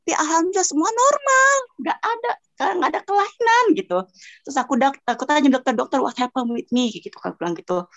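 A woman with a very high voice tells her personal story fast, as a guest in relaxed conversation. She animatedly acts out her own cries and the sounds she heard along the way, all on a dull lo-fi voice message.

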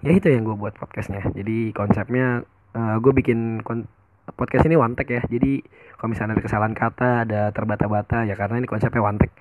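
A man's voice: on the low side, steady tone, fast, slight background noise, poor audio. A young man in his twenties talks through a first homemade podcast episode, casual and meandering. He stops and restarts often, sliding between slangy and polite speech. It is recorded on a phone with a headset mic in a room at his family's home. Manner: rambling, many fillers and restarts, mixes casual and polite speech. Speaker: podcast host. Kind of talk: casual solo podcast monologue.

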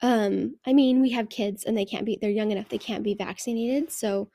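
A woman's voice: mid-range voice, steady tone, normal speed, gravelly, warm tone, no echo. A woman hosting a casual podcast, recording herself under a giant blanket on her bed, nasal from a cold, chatty and rambling with little laughs. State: has a cold, sounds nasal. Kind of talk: casual solo podcast chat.

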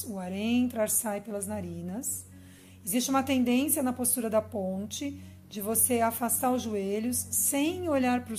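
A Brazilian woman speaking as a yoga teacher in a calm, instructive manner. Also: a little high, a little hiss or hum. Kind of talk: guided yoga class.

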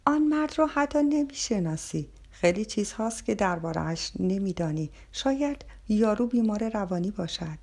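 An upset middle-aged husband pleads and argues with rising urgency, as a woman reader puts him on. The voice stays husky and gravelly. It is an audiobook figure. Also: medium pitch, animated, darkish tone. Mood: reproachful.

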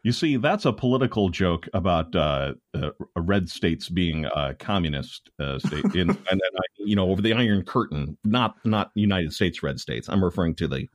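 A man's voice: low voice, lively intonation, moderate pace, hardly any pauses, dry recording, clean studio sound. A man, a guest comedian on a podcast, rambling along in casual chat with plenty of filler sounds.

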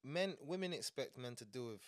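A man's voice: medium pitch, animated, a little fast, dry recording. A young man with a London urban street accent, chatting in casual slangy podcast banter.

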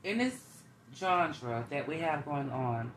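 Low-pitched woman co-host, blunt and chatty, recorded in an echoey room. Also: expressive, takes it slowly. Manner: blunt, interrupts to hold the floor. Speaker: podcast co-host. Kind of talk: casual chat. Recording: echoey room with faint ambient noise.

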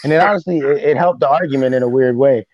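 A man of medium pitch hosts a casual podcast chat. The recording is very dry and close, with slightly dulled top end. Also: fast, darkish tone, no echo. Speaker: podcast host. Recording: dry, slightly dull sound.

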